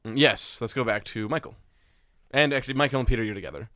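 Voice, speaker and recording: A man's voice: medium pitch, quick pace, bright, forceful tone, no room sound, studio quality. A man running a tabletop game as game master, rambling and correcting himself as he explains.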